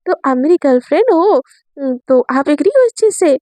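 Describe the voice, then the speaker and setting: A playful, lovestruck young woman student who teases and pleads without letting up, as a woman narrator puts her on. Her voice sits high. The sound is dry and close, with no room around it. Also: expressive, brisk, dark tone, dry recording. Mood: teasing. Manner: teasing, pleading.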